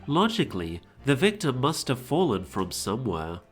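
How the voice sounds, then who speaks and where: A man's voice: medium pitch, wildly swooping pitch, moderate pace, husky, faint music behind. A man putting on a stiff robot voice with a wavering British lilt. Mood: mechanical. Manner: put-on robot voice drifting between British and American. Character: robotic-voiced male witness in a game. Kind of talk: playing a game and voicing its characters.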